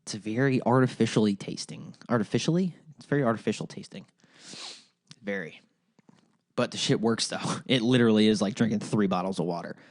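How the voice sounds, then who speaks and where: A young Midwestern-accented man from Ohio hosts a solo podcast in a low, slightly mellow voice that moves a little fast. The recording is dry and clean, and he rambles profanely with frequent fillers and restarts.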